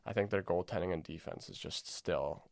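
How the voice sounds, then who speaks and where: A man's voice: deep voice, normal speed, gravelly, darkish tone, no echo, studio quality. A man co-hosting a casual sports podcast, rambling and hedging with lots of fillers. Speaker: podcast co-host.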